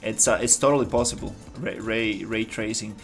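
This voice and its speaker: With soft music in the background, a Costa Rican man talks at normal speed in a steady, lowish voice. An indie developer streaming his game work, he keeps up loose, rambling commentary, restarting sentences as ideas come to him.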